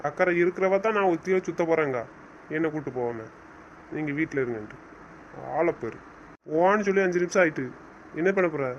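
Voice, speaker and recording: A man's voice: a little high, animated, fairly quick, long pauses, muffled recording, a little hiss or hum. A man playing a stern husband in an audio drama, scolding and giving orders. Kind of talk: casual audio drama acting.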